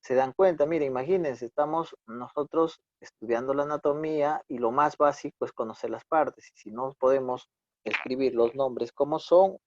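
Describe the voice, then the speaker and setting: A man's voice: mid-range voice, moderate pace, darkish tone, dry recording. Man teaching over a dull video call. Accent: Peruvian Spanish. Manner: corrective, patient, repeats "¿no?" often. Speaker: instructor. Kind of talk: online class lecture. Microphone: computer mic on a video call.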